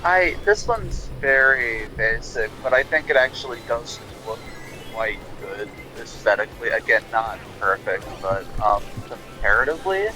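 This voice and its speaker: A man giving a measured, hedging opinion in a casual gaming chat. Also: medium pitch, expressive, music in the background, rough recording. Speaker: friend in the ranking chat.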